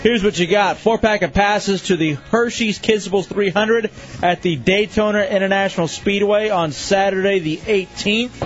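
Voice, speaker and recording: A man's voice: high-pitched, moderate pace. A man hosting a radio show, doing an informal, conversational contest promo, reading out prizes and phone numbers. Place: radio studio. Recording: slightly muffled radio broadcast over music. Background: music bed.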